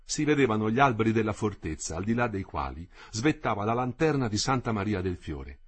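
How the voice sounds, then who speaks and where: A man narrates a novel in a husky, slightly breathy voice. His pitch moves a lot, giving the reading a lively, expressive rise and fall. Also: brisk. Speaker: audiobook narrator. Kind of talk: literary reading aloud.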